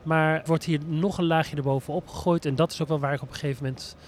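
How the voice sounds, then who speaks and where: A man's voice: a little high, fairly even intonation, fast talker, a little hiss or hum. A man co-hosting a casual chat, explaining at length with frequent hesitation fillers. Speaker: podcast co-host reviewing a musical.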